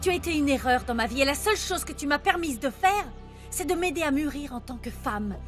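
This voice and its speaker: A female dub actor playing a proud young mother in a telenovela, indignant and forceful in a custody quarrel. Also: sits high, expressive, fairly quick, soft background music. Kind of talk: dubbed telenovela acting.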